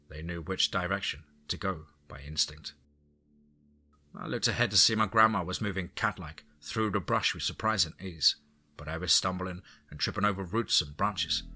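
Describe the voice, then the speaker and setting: A man narrating a first-person horror story in a dramatic, suspenseful way. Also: low-pitched. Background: soft background music.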